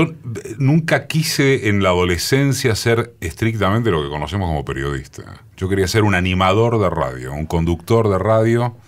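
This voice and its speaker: A man in his sixties with a Rioplatense accent and a booming, forceful deep voice, telling his story in a radio studio interview with many pauses. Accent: Rioplatense Spanish. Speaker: radio journalist guest. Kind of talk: reminiscing interview talk.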